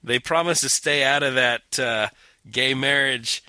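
A man's voice: medium pitch, unhurried, bright, forceful tone, no room sound. A man co-hosting a casual political chat, sarcastic and profane. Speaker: podcast co-host.

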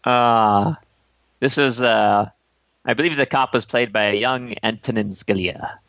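A man's voice: medium pitch, measured pace, fairly bright tone, dull audio. A man co-hosting a movie discussion, joking casually with a wry manner. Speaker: co-host of a comedic movie discussion show.

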